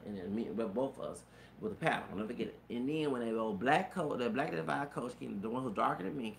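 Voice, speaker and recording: This thirties-aged man has a feminine-sounding voice that sits in the mid-range with vocal fry. Rambling through a personal story, he repeatedly stammers and starts over, swears, and leans on "you know what I'm saying." Faint background noise and a roomy echo color the audio.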